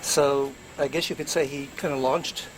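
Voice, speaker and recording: A man's voice: medium pitch, steady tone, normal speed, slight background noise, poor audio. A man, a percussionist, casually reminiscing in a short tribute with fillers.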